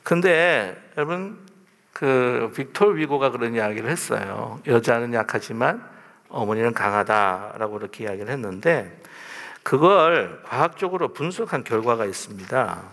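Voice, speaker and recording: A male pastor giving a lively, conversational sermon from the pulpit, often turning to ask the congregation questions. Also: medium pitch, normal speed, creaky. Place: church sanctuary, at the pulpit. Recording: long church reverb.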